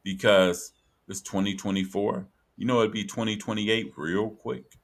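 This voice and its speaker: Gravelly and lowish, this sports podcast host's voice stays steady at a moderate pace. He talks loosely on his casual show, reading from an article in a conversational way and repeating phrases to stress his points.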